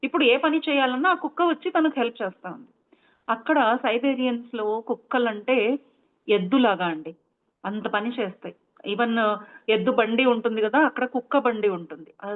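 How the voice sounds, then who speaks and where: A woman's voice: a little high, moderate pace. A woman meditation teacher retelling a story in a chatty, explanatory way, full of asides. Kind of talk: storytelling talk. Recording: tinny phone-like line.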